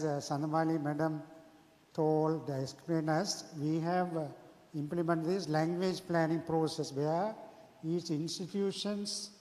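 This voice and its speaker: Male event moderator, Sri Lankan accent. Higher-pitched, formal and halting, in a reverberant hall. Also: a little mellow. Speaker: symposium moderator introducing a speaker. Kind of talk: formal introduction speech. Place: large hall at a symposium. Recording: echoey hall with long reverb.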